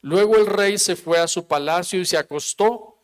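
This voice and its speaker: A man's voice: high voice, normal speed. A male preacher delivers a sermon in a church, reading scripture aloud and then explaining it with rhetorical questions. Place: church sanctuary. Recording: long church hall reverb.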